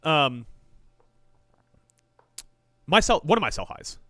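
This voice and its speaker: A male podcast co-host in joking, casual sports chat. His voice is bright and forward, with pitch that jumps around as he talks. The sound is dry and close to the mic. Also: slow pace, dry recording. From Japan. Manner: animated, joking, trails off in restarts.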